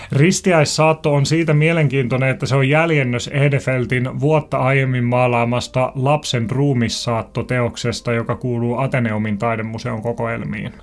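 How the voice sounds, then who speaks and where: A young man hosting an educational video, giving a calm, clear scripted narration and speaking directly to his viewers. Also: medium pitch.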